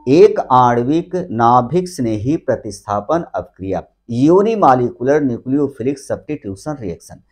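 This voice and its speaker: This chemistry teacher lectures his class in Hindi sprinkled with English terms, speaking in a darkish voice on the high side. He keeps addressing the students as "बच्चों", answers his own questions, and repeats key terms with rising and falling emphasis.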